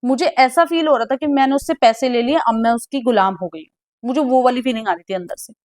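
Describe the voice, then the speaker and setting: A young woman recounting a personal story in a casual, animated way, with exclamations and English words mixed into her speech. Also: fairly high pitch, a little fast, no room sound, clean studio sound.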